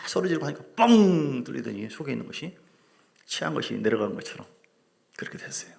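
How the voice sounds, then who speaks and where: Gravelly-voiced middle-aged male pastor preaching. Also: medium pitch, fast. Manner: animated preaching with humor, asides to the congregation. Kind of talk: sermon. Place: church sanctuary.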